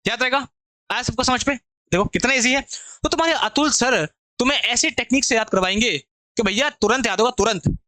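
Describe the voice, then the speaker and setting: Male online tutor, young adult, very high pitch, dry recording, chatty repetitive lesson talk. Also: fairly quick, bright, forceful tone, dry recording. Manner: chatty, repetitive, asks students if they understood. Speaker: English teacher.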